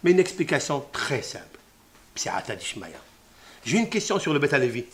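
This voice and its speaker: Animated man teaching scripture. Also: medium pitch, normal speed. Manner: animated, swinging from hushed murmurs to loud exclamations; sprinkles Hebrew terms into his talk. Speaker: Torah teacher. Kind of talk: religious lesson on scripture.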